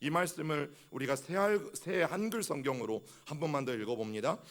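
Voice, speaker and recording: Impassioned pastor with a gravelly voice. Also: male voice, on the high side, a little fast, a bit bright. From South Korea. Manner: impassioned preaching with repeated direct address to the congregation; acts out heartfelt prayers aloud. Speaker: senior pastor. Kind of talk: sermon.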